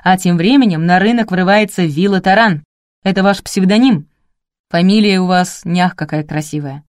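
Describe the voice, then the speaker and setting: A man's voice: sits high, normal speed, smooth, no room sound, studio quality, natural voice. A woman reading the part of a brash young male PR manager in an audiobook, cocky and slangy. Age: young adult.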